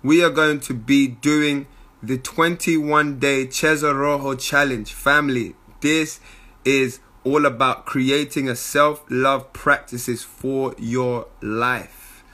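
Animated young-sounding man. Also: medium pitch, takes it slowly. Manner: animated, bursts into shouted impressions and laughter. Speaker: spiritual coach. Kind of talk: live motivational talk.

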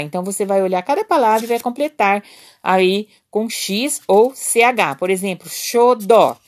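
A woman teacher with a Brazilian Portuguese accent, giving a remote lesson to children in a patient, encouraging way and often checking in with "né?". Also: medium pitch. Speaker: primary school teacher.

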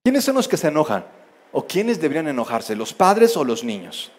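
A male pastor preaching theatrically, at times dropping to a soft, near-whispered voice. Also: a little high, wildly swooping pitch, moderate pace. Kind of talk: sermon.

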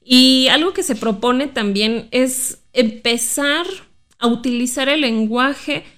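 A woman's voice: high voice, slow, a bit bright. A woman, a guest expert who explains inclusive language in a careful, reflective way, asking rhetorical questions. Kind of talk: explanatory interview talk.

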